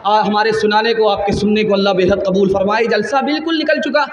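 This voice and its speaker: A man with a very high, piercing voice preaches to a big gathering through a microphone. His delivery is quick and rhetorical, and he keeps calling on the crowd to respond. The sound rings with long hall reverb, and faint music runs underneath. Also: fairly even intonation, dull audio. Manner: rapid rhetorical preaching, calls on crowd to raise hands. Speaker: Islamic preacher. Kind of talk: sermon at a religious gathering. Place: large religious gathering.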